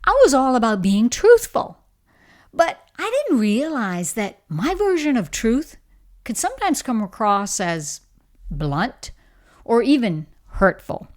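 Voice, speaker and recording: A middle-aged woman with a Bahamian accent, working as a leadership coach, delivers a motivational talk on leadership. Her voice is fairly high and very animated, and she speaks slowly. Her storytelling is warm, encouraging, and emphatic.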